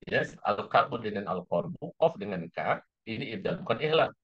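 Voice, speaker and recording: A man's voice: fairly low pitch, expressive, moderate pace, breathy edge. A man teaching a class, explaining step by step and often repeating key phrases. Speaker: lecturer. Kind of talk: classroom lecture. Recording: slightly dull lo-fi recording.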